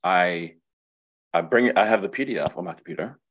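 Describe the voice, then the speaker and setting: A man's voice: low voice, moderate pace, a bit bright. A man talking as a counselor in a casual webinar conversation, thoughtful and full of restarts. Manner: reflective, many restarts and repetitions. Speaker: counselor and guest.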